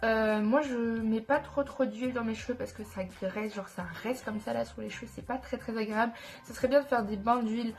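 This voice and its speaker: A woman's voice: fairly high pitch, steady tone, brisk, a little mellow. A woman with a congested, nasal voice from a stuffy nose, chatting casually and enthusiastically as a beauty vlogger, often correcting herself as she goes. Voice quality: nasal, blocked-up sound. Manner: informal, enthusiastic about products, self-correcting. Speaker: beauty vlogger presenting skincare products. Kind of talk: casual chat to viewers.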